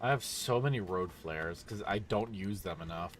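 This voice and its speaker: A man's voice: low-pitched, moderate pace, a little hiss or hum. A tired man casually commenting on a driving game as he plays, rambling and yawning with lots of fillers. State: sleepy. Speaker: streamer.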